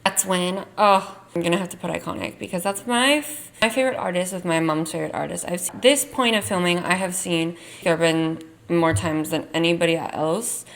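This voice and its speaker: Her lowish voice is brisk and gravelly, and she barely pauses as this young vlogger rambles through a casual song ranking, leaning heavily on "like". Her voice sounds worn from having lost it.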